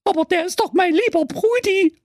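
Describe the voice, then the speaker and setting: A man voicing a fussy, dramatic young sister in an exaggerated shrieking falsetto. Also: moderate pace, no echo, clean studio sound. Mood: shrill.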